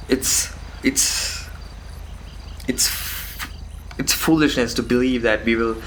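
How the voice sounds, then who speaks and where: In a solo philosophical talk, a man with a medium-pitched, fairly bright voice thinks out loud, halting, repeating phrases and asking himself questions. The audio is poor, with faint crickets and insects in the background.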